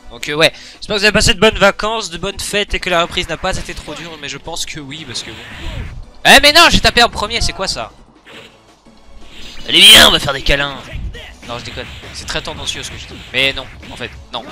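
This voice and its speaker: A man's voice: fairly high pitch, expressive, fairly quick, bright, forceful tone, faint music behind. A young man giving casual let's-play commentary, joking and trash-talking the game with crude humor. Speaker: gaming YouTuber.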